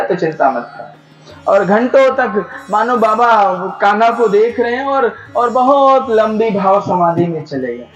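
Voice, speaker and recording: A man preaching a devotional sermon, telling a sacred story and urging the audience with animated questions. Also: high voice, highs cut off. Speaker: katha preacher.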